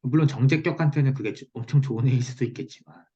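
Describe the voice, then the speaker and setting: A man's voice: medium pitch, fast, warm tone, slightly rough. A man teaching in a one-on-one online lesson, explaining step by step and checking understanding with short tag questions. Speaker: teacher of Korean saju fortune-telling. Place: online video call. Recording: muffled, lo-fi video call audio.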